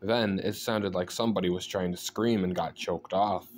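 A man reading a scary story aloud as a storyteller, in a measured, deliberate, suspenseful way with pauses. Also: sits low, steady tone, slight background noise. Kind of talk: scripted horror story narration.

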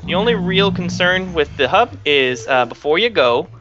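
A man's voice: high voice, lively intonation, normal speed. A man in a casual gaming voice chat, explaining things methodically with many ums and uhs. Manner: methodical, filler-heavy explaining. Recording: dull lo-fi voice chat.

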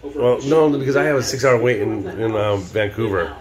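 A man's voice: medium pitch, lively intonation, normal speed. An older man vlogging in a casual, rambling way, full of ums and restarts. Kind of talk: casual video diary chat. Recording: busy crowd noise behind.

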